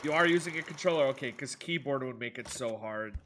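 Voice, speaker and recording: The recording is very noisy: a man with a medium-pitched voice, speaking fairly quickly through a stuffed-up nose. He's live-streaming gameplay, reading chat and rambling sarcastically with his viewers.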